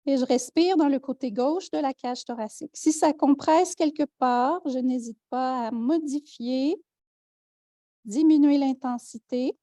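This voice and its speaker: A woman with a Quebec French accent, teaching a yoga class with calm step-by-step cues and light joking asides. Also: high-pitched, measured pace, no room sound, clean studio sound. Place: yoga studio.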